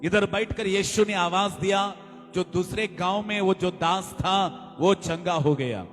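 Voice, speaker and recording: High-voiced preaching man in a hall. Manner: builds to shouted calls, drawn-out English phrases. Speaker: pastor. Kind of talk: sermon. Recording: long hall reverb, faint music.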